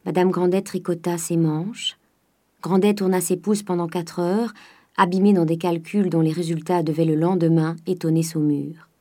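Mellow-voiced woman reading a classic novel. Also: lowish voice, steady tone, normal speed. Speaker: audiobook reader. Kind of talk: literary audiobook narration.

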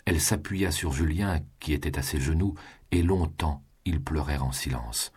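A man narrating a classic novel in an audiobook, reading in an even, measured way. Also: rumbling low, slightly rough.

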